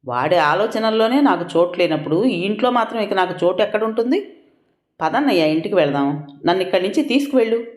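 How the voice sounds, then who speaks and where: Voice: mid-range voice, animated, brisk, voice pushed up, close to an everyday voice. Narrator playing a bitter, wounded mother, echoey. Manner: bitter, emotional, pleading. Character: wounded, furious middle-aged mother. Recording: roomy echo.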